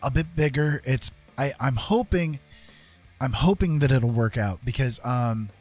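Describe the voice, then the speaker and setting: A man streams himself painting and chats casually, thinking aloud in a hesitant, rambling way as he gives art tutorials. His mid-range voice is a little mellow and his pace is measured, with soft music playing in the background.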